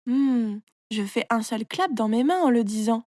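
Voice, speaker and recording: A woman voicing a proud, boastful young male hare in a children's story, speaking brashly and loudly. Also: a little high, expressive, measured pace, no echo, clean studio sound. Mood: eager.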